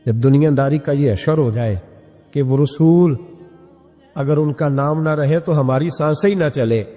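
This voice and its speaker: A man's voice: fairly high pitch, dark tone. A male preacher giving an impassioned sermon full of rhetorical questions. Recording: long hall reverb with music.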